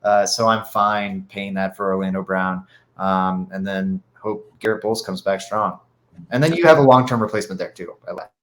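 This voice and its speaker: A man's voice: low voice, moderate pace, a bit bright. Stuffy-nosed man in casual sports talk. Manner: rambling, lots of fillers and restarts. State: stuffy nose. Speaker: podcast co-host.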